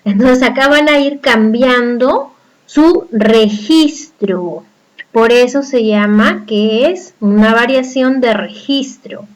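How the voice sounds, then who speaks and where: Slow-paced Peruvian woman teaching a lesson. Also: fairly high pitch, poor audio. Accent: Peruvian Spanish. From Peru. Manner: explanatory, asks viewers rhetorical check questions. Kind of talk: educational video lesson.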